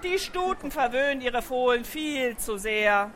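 A woman's voice: high voice, animated, measured pace, a bit bright, slight background noise. A woman voicing a grumpy mother donkey who mutters disapproval in a children's audiobook. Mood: disapproving.

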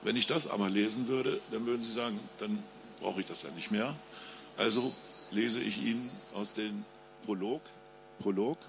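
A man's voice: on the low side, steady tone, moderate pace, gravelly, heavy background noise. A man, an author, chatting briefly with a live audience and then reading his crime novel aloud. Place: public book reading with audience.

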